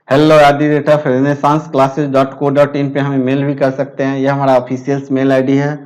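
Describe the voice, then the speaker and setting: A man teaching a math lesson, explaining slowly and deliberately. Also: on the high side, a little mellow, rough recording.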